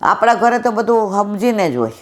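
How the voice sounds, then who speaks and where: A satsang speaker, telling devotional stories and repeating phrases that trail off low and soft. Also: very animated, moderate pace, slight background noise. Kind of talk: devotional storytelling talk.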